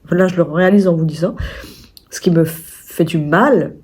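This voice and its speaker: A young woman vlogs at home indoors, chatting casually and rambling along with plenty of restarts and fillers. Her voice is fairly low, mellow, with a breathy edge, and she speaks at a normal speed.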